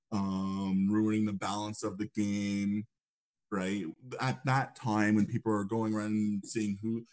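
A man's voice: on the low side, darkish tone. A young man giving a casual lecture, talking conversationally and often checking in with "right?". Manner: acts out upbeat greetings in a raised voice.

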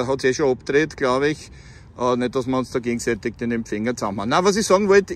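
An Austrian CB radio hobbyist with a Viennese accent films a vlog outdoors by roadside bushes on a handheld phone, chatting casually about radio and often ending phrases with tag questions. His voice is mid-range.

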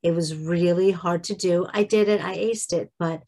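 A middle-aged woman vlogger talking casually and devotionally to camera, halting at times and correcting herself. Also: on the low side, steady tone, mellow.

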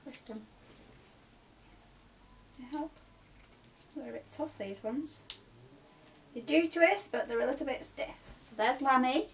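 A young woman in a bedroom, gently asking a small child questions while unboxing a toy. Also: high voice, a little slow, pauses often. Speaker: vlogger and mother. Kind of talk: casual toy unboxing chat. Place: bedroom, sitting on a bed. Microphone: camera mic from a few feet away. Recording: distant camera mic, clear background noise.

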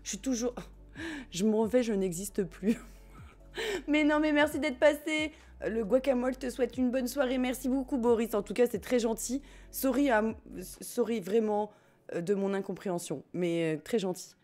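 A woman's voice: on the high side, moderate pace, a little mellow. Chatty French woman streaming over game music. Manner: chatty, giggly, swears casually, talks to chat. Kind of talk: casual live-stream chat while gaming.

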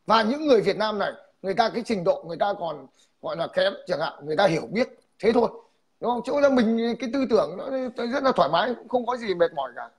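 A man hosting a casual online chat, explaining his views in a measured, moralizing way. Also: high voice, expressive, husky. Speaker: livestream host.

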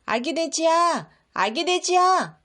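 Woman reading as a polite, high-pitched storybook wolf. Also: big pitch swings, slow, fairly bright tone, exaggerated voice. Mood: polite calling. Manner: calling out politely. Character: polite male wolf neighbour calling at a pig's door. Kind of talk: storybook read to a child.

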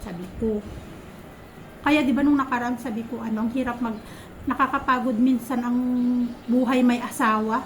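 Woman, Filipino, 30s, vlogger, high-pitched, exasperated casual storytelling, faint background noise. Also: steady tone, moderate pace, pauses often, poor audio. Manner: chatty, exasperated, retells quarrels with quoted lines.

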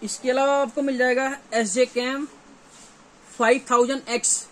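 This shop dealer's delivery is flat, extremely high in pitch, and moderately paced. A man in his thirties with a North Indian accent, he presents products to camera in a casual, repetitive showcase inside a small, cluttered gear shop. Poor audio captures faint background noise from the shop.

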